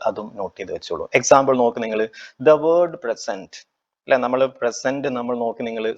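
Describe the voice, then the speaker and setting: A man teaching an exam-prep lecture, asking his students frequent tag questions and reading English lines slowly. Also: lowish voice, highs cut off.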